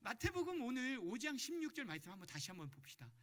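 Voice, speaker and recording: Man, pastor, sermon, high voice, bright tone, reads scripture with the congregation, asks them questions. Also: sing-song, fast talker. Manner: leads the congregation in reading scripture aloud. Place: church.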